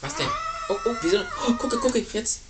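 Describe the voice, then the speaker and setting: A woman reading a picture book aloud to a small child at home, lively and child-directed. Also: a little high, normal speed, very noisy.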